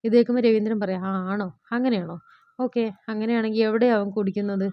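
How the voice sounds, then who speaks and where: A woman casually retelling a TV serial episode in a rapid, chatty way, full of fillers and quick quoted lines. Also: medium pitch, fairly even intonation, no echo, muffled recording.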